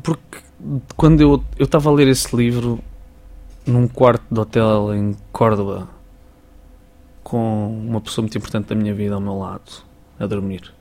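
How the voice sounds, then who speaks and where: A young man with a European Portuguese accent, a musician guest chatting casually in a radio interview, animated and full of verbal tics. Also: on the low side, moderate pace. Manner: chatty, animated, repeats "estás a perceber".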